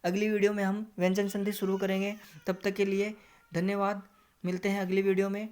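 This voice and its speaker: A man's voice: sits high, completely flat delivery, a little fast, a little mellow. A male teacher giving a screen-recorded grammar lesson. He repeats words, keeps addressing viewers as friends and corrects himself as he goes. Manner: corrects himself mid-explanation. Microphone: screen recorder app.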